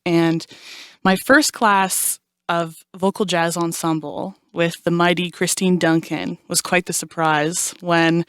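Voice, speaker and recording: A young woman jazz vocalist tells stories in a casual interview, animatedly acting out the quotes she recounts. Her lowish voice has a clear, resonant tone, captured in clean studio sound with no echo.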